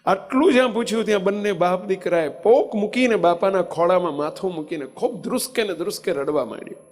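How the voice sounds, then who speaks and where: A man's voice: sits high, fast talker. A man telling a story in a sermon, acting out the voices of the people in it. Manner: animated storyteller, acting out quoted dialogue. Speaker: swami preacher. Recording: reverberant hall with faint music.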